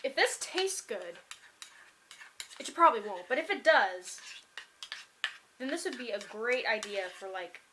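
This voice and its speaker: A woman's voice: a little high, animated, a little slow, pauses often, background noise. A young woman vlogging casually at home, rambling upbeat with many fillers as she taste-tests food. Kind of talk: casual chatty vlog. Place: home kitchen.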